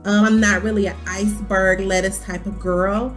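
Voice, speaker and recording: A woman in her thirties chatting casually to camera as a vlogger, animated and full of ums. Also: medium pitch, normal speed, faint music behind. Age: 30s.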